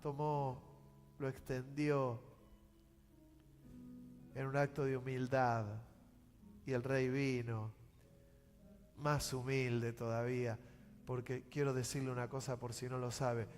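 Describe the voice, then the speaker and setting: Argentine pastor preaching slowly in a reverberant church. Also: male voice, mid-range voice, flat delivery. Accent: Rioplatense Spanish. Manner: swings from loud acted outbursts to hushed slow pleading. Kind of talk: sermon. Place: church sanctuary. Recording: church hall reverb with music.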